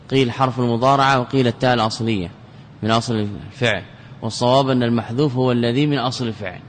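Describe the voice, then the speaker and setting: A man's voice: mid-range voice, big-room sound, a little hiss or hum. A man giving a classical Arabic grammar lesson as a sheikh. He explains step by step, often repeats words, and asks questions that he then answers himself.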